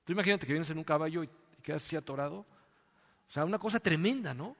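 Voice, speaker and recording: A man's voice: a little high, fast talker, vocal fry, a bit bright, big-room sound. A man preaching a sermon, telling a story with rhetorical questions. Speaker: pastor.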